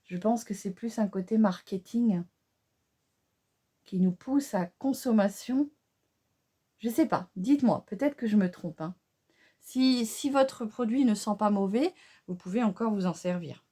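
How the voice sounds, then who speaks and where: Mellow-voiced woman chatting through makeup. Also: medium pitch, a little slow, pauses often, slightly rough. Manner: chatty, hesitant, many fillers and asides to viewers; excited exclamations over the colors. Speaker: beauty vlogger. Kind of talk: casual makeup tutorial chat.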